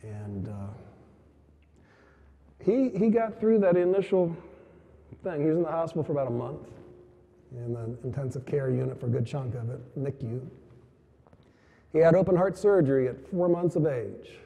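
A man's voice: fairly high pitch, expressive, normal speed, creaky, long pauses, husky, narrow, tinny audio. A man giving a motivational keynote, telling a story with emphatic lines and quoted dialogue. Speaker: keynote speaker. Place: large conference hall. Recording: long hall reverb from a venue PA.

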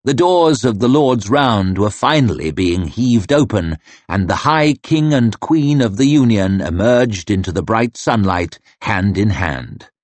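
Low-voiced, slow male audiobook narrator. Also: no room sound. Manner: measured, expressive storytelling. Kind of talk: scripted narration.

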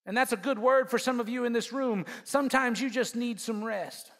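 A male pastor delivers an emphatic sermon, mixing humorous asides with call-and-response lines for his congregation. His voice sits very high and sounds bright and forceful. It rings out with a long reverb in a large church sanctuary. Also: moderate pace.

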